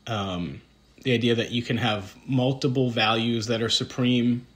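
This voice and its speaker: A man's voice: medium pitch, fairly even intonation, a little slow, fairly bright tone. A man with a Boston accent, co-hosting a casual podcast conversation, rambling with lots of ums and self-deprecating asides. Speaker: podcast co-host.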